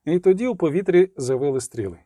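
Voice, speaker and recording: Male audiobook narrator, mellow dark tone, dry close mic. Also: fairly high pitch, lively intonation, fast, dry recording. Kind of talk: scripted narration.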